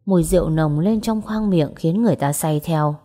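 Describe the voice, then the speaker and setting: Low, mellow woman reading a story. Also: a little fast. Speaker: audiobook narrator. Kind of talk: storytelling narration with dialogue voices.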